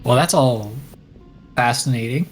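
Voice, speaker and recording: A man's voice: medium pitch, unhurried, faint music behind, close to an everyday voice. A man voicing an unruffled, mercenary vampire in tabletop role-play, dry and matter-of-fact. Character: unruffled mercenary male vampire, dryly appraising a captive.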